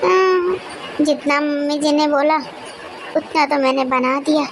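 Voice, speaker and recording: Polite dutiful young bahu. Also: female voice, high-pitched, measured pace, some chatter behind, a little hiss or hum. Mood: busy. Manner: polite, respectful, eager to please. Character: dutiful young daughter-in-law, polite and eager. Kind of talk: cartoon character voice.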